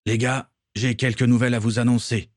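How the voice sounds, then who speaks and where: A man as a calm pirate captain. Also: mid-range voice, a little fast, no echo, clean studio sound, voice pushed up, lightly acted. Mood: commanding. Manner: steady, commanding.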